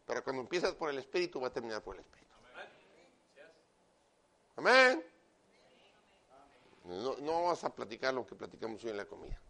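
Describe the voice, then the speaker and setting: A man preaching a sermon loudly and emphatically, with joking asides and frequent direct address to his listener. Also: medium pitch, sing-song, very fast, gravelly, a little hiss or hum. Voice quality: loud, emphatic delivery.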